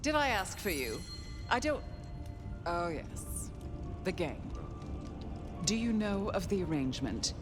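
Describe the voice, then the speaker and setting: An actress playing a haughty, eccentric ancient vampire in a video game, languid and condescending, given to dreamy reverie. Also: female voice, lowish voice, big pitch swings, unhurried, pauses often, music in the background. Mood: imperious, disdainful. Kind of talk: dramatic video game acting.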